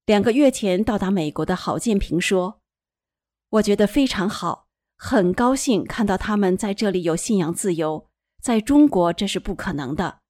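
A woman giving a scripted news report in an even, measured tone. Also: mid-range voice, no room sound, clean studio sound.

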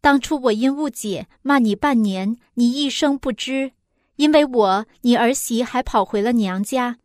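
A woman's voice: on the high side, a little slow, darkish tone, dry recording, natural voice. Woman reading a sorry, grateful widow next door, pleading, dry sound. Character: remorseful widowed neighbor woman, quick-tempered.

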